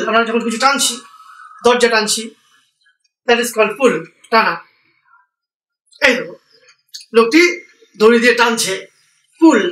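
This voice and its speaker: A man's voice: extremely high pitch, bright, forceful tone. A man from India teaching English vocabulary, spelling each word out letter by letter and explaining it patiently. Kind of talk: vocabulary lesson for learners. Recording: echoey room, voice from a distance.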